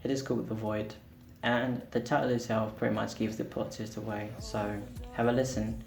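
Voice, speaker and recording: Man, native Portuguese speaker, casual vlog chat, self-deprecating, fry in the voice, music playing behind. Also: lowish voice, level tone, normal speed. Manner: candid, self-deprecating, rambling with fillers. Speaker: singer-songwriter and vlogger. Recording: roomy echo with music behind.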